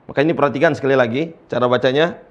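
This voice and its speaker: A man teaching Quran recitation to young learners, patiently explaining letter lengths and chanting the letters slowly for students to repeat. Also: medium pitch, dull audio.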